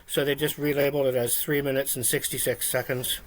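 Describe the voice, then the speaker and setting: A man co-hosting a casual trivia chat, telling stories in a rambling, relaxed way with lots of fillers. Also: medium pitch, fast, a little hiss or hum. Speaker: podcast co-host.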